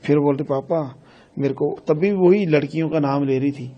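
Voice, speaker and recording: Middle-aged man, mellow dark tone, halting repetitive telling, quotes family, news interview. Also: fairly high pitch, muffled recording. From Himachal Pradesh, India. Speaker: grieving father of a student. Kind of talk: recounting events in a news interview.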